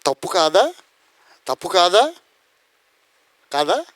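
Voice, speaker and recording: A man's voice: sits high, sing-song, slow, a bit bright, dry recording. A man preaching a sermon, firing rhetorical questions and acting out the voices in his story. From India. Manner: rhetorical questions, acts out quoted voices, bursts into song. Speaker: pastor.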